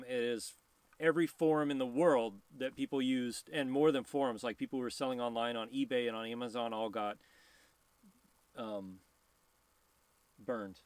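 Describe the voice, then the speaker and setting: A man's voice: mid-range voice, no echo. A man hosting a casual live stream, rambling, laughing often and reading viewer questions aloud.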